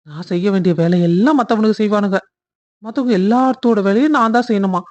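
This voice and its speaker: A woman voicing a kind young man in a cartoon love story who speaks earnestly and reassures gently. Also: mid-range voice, fast talker, dull audio, lightly acted. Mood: irritated.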